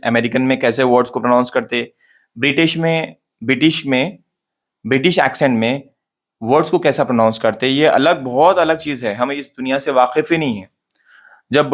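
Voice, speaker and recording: Man drilling pronunciation, slow and repetitive. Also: medium pitch. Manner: repeats words slowly to model pronunciation, asks and answers himself. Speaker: English pronunciation teacher. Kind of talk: casual spoken lesson to camera.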